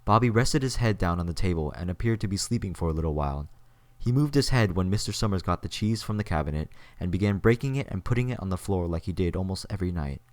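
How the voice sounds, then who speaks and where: Reading from a script as the narrator of an audio drama, a deep-voiced man tells a story quickly and with lively intonation. The recording is close and dry, with no room sound.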